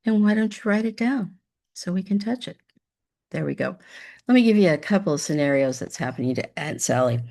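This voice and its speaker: Chatty teacher woman with gravelly voice. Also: lowish voice, lively intonation, brisk, a little mellow. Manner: upbeat, chatty, talks to imagined students. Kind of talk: demo math lesson over screen share.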